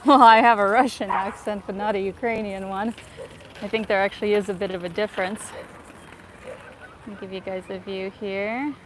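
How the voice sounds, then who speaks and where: A travel vlogger from North America livestreams while walking outdoors through a city square and park, filming on her phone and chatting with viewers, fillers and soft laughter included. She keeps a steady tone at medium pitch and a moderate pace. The background is noisy.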